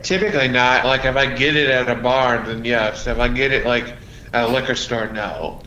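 A man's voice: mid-range voice, moderate pace, bright, forceful tone, muffled recording, slight background noise. A man calling in over a speakerphone, giving short, plain answers. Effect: heard over a speakerphone call. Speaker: guest on the phone.

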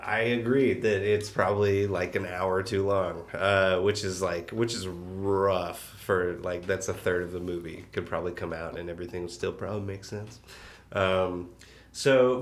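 A man's voice: sits low, a bit bright. A man hosting a podcast, chatting casually with laughs and lots of fillers. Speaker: podcast host. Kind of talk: casual chat.

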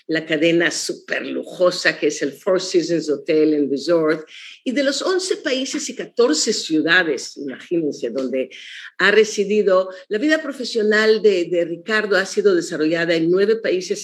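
A woman host speaking, gracious and effusive. She runs through her guest's achievements in a long, formal introduction. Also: on the low side. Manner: effusive, lists honors at length. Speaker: interview host.

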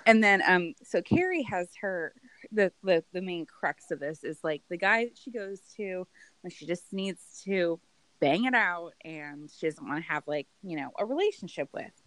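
A woman co-hosting a casual chat, recapping a TV show in an animated, giggly way with some swearing. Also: lowish voice, a little slow, no echo. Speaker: podcast co-host.

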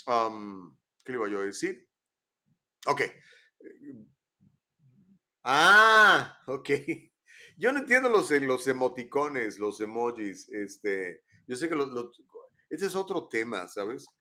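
Hosting a casual live show from his home, an older man with a Mexican Spanish accent rambles along chattily, adding tag questions to what he says. He speaks slowly in a mid-range voice with big pitch swings, long pauses, and a sharp tone.

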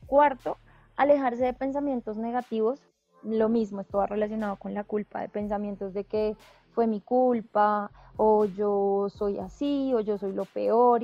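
A woman hosting a talk, calmly going through tips one by one. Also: medium pitch, dry recording. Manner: explains step by step, calm and reassuring. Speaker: podcast host giving advice. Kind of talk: casual advice talk, listing tips. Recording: dull, dry, slightly lo-fi audio.

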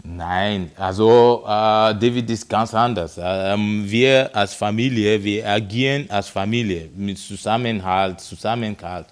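Slow, hesitant low-voiced man from Nigeria. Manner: hesitant, many fillers and restarts. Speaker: interviewee, father of a footballer. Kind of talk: casual interview answers.

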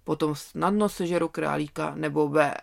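A reader doing an old toothless wolf, gravelly and grumbling. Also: medium pitch, steady tone.

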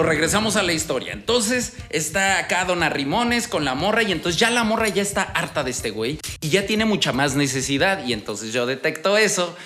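Un hombre joven con acento mexicano cuenta una historia de ligue en tono casual y lleno de jerga, hablándole al oyente como a un compa. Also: male voice, high-pitched, sharp tone. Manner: slangy, streetwise, addresses listener as buddy. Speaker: dating advice host. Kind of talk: casual storytelling monologue.

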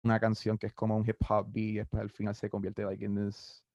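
A young man of twenty with a Puerto Rican Spanish accent, a musician answering interview questions in a relaxed, rambling way with many fillers. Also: on the low side, brisk, muffled recording. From Puerto Rico. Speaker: musician guest. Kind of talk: casual interview, mixing Spanish and English.

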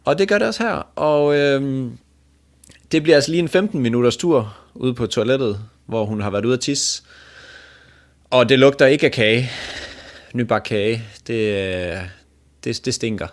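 A man casually retelling an embarrassing date story to a co-host, joking crudely and laughing along. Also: medium pitch. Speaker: podcast host.

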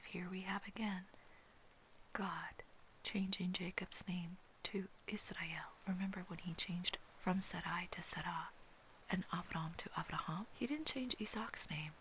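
A person from Hawaii giving a slow, reverent, fully whispered commentary on Bible passages. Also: mid-range voice, sharp tone, a little hiss or hum, rough recording. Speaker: devotional Bible reader.

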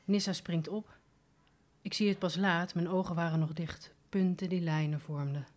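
A woman giving a calm, measured first-person dramatic reading of a play text. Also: lowish voice. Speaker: reader in a radio play reading.

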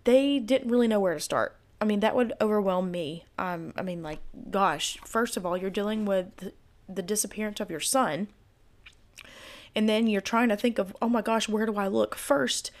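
A woman narrates her true crime podcast casually, her voice hoarse and giving out, at medium pitch and normal speed. She drifts into chatty, speculative asides.

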